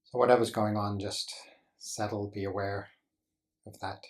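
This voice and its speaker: A low-voiced man leads a guided meditation, keeping his intonation flat and even. Like a teacher, he offers gentle instructions in short phrases separated by deliberate pauses.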